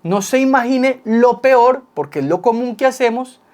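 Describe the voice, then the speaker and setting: Man calmly explaining with everyday examples. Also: very high voice, moderate pace. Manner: explains with vivid everyday examples and acted-out quotes. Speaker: psychologist and co-host. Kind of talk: casual advice talk with spouse.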